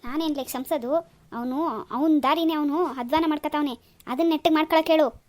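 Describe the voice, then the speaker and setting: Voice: sits high, brisk, darkish tone, close to an everyday voice. A voice actor doing a stern old village man. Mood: scolding. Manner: scolding, lecturing. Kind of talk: cartoon dub.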